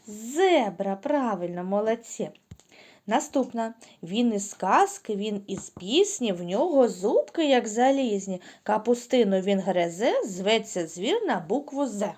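Slow, lively-voiced woman teaching small children. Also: mid-range voice. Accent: Ukrainian. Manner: slow, patient, drawn-out speech with sing-song sound drills. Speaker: preschool teacher.

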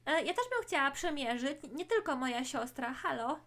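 Pushy, wheedling twin sisters out to rob a shop, greedy and scheming, voiced in a high register, as a woman puts them on for a toy play story. They hurry the shopkeeper along and demand to see everything. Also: expressive, moderate pace, fairly bright tone.

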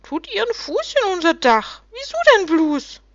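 Woman doing squeaky grumbling little gnomes. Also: very animated, a little slow, no echo, lo-fi sound, exaggerated voice. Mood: grumbling singsong. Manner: squeaky, sulky, simple-minded. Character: small grumpy dim-witted gnome-like forest creatures.

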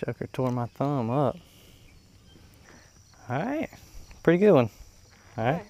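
A man's voice: medium pitch, slow pace, slight background noise. A man fishing at a rural pond, chatting offhand and giving tips while filming on an action camera, often off mic. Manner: relaxed, offhand remarks and tips. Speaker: angler, channel host. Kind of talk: casual fishing vlog chat. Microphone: action camera, often far from the mic.

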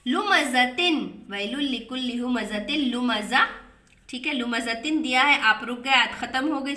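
Bright-voiced woman teaching recitation rules. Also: a little high, echoey room, recorded from a distance. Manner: patient, repeats and drawls example words slowly. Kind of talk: explaining Tajweed rules to students.

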